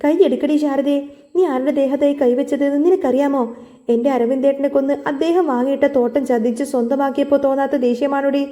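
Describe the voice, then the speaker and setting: A woman's voice: high-pitched, steady tone, fast talker, mellow, lightly acted. A woman reading a wailing, grieving widow. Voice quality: wailing, tearful. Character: grieving widowed mother, furious.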